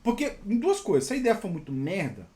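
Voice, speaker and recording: Fast, animated Brazilian man telling stories. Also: high voice. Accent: Brazilian Portuguese. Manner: animated, peppers talk with "né?". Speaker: software engineer and channel host. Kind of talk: casual storytelling monologue.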